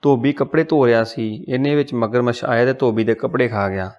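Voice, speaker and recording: A man's voice: mid-range voice, fairly quick, darkish tone, dull audio, natural voice. A man voicing a deaf, doddering old male office clerk who keeps mishearing and asking again. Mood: befuddled. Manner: confused, mishears and asks again.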